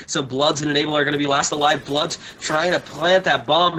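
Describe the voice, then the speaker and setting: A man's voice: on the high side, slight background noise. Chatty young male esports caster. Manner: animated, chatty, quick to joke. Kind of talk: play-by-play commentary.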